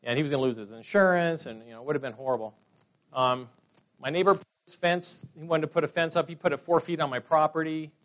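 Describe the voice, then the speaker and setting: A Californian man in his forties, his voice a little high and fast, rambles through personal stories at a business meeting, chatty and full of fillers. The casual testimony to the room comes through with dull lo-fi sound.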